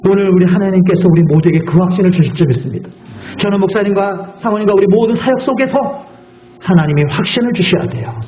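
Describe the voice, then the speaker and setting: A man's voice: sits high, quick pace, a little hiss or hum. A male guest pastor preaching a sermon in a church sanctuary, emphatic and full of rhetorical questions. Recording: echoey church hall, dull audio.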